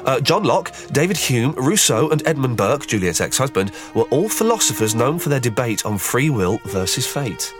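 A man hosting a podcast in casual chat, joking and animated while he has a cold. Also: mid-range voice, moderate pace, few pauses, over music. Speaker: podcast host.

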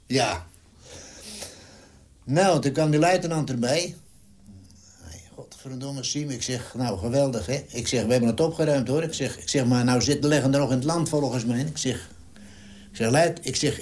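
A man's voice: mid-range voice, moderate pace, a little mellow. Blunt, salty old man telling war stories. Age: 90s. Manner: blunt, salty, acts out dialogue while telling. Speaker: war veteran interviewee. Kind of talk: vivid wartime storytelling interview.

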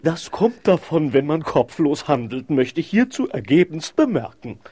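A man's voice: fairly high pitch, big pitch swings, moderate pace, darkish tone, husky, dry recording. A man playing a stiffly formal castle steward in a radio play, speaking with dry sarcasm.

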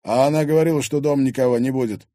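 A man reading an audiobook, voicing a brash red-haired young biker thug who taunts loudly. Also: mid-range voice, steady tone, fast, no room sound, studio quality, pitched above the performer's own voice, natural voice. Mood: taunting. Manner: cocky, loud, taunting.

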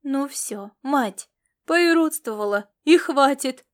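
A woman's voice: on the high side, normal speed, lightly acted. A woman voicing a brusque, teasing middle-aged husband. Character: gruff, jovial husband, teasing and down-to-earth. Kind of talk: audiobook character reading.

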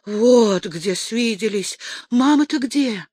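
A woman voicing a young naval lieutenant who speaks eagerly and excitedly to his elders. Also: a little high, slow pace, breathy edge, no room sound, exaggerated voice. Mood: overjoyed.

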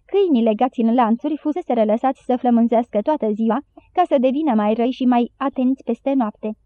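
Woman narrating an audiobook, tinny. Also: fairly high pitch. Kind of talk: scripted narration. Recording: dry, tinny phone-like sound.

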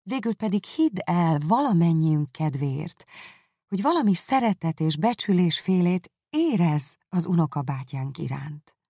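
A woman reading a novel aloud, voicing a gentle, forgiving young woman in a soft, pleading manner. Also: lowish voice, very animated, slightly rough, dry recording, studio quality, heavily acted.

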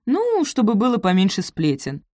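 A woman voicing an affectionate, teasing young man who mumbles in a low, drowsy voice. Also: wildly swooping pitch, normal speed, a little mellow, dry recording, studio quality.

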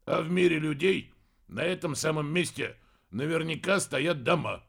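A man doing a gravelly mild old wizard. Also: fairly high pitch, normal speed, a bit bright, full character voice. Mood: calm. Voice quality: gravelly, husky. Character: mild grumbling wizard in a hat, patient.

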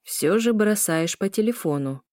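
A woman's voice: medium pitch, expressive, a little slow, a little mellow, no echo, studio quality, close to an everyday voice. A woman voicing an irritated young man who talks curtly. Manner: curt, irritated.

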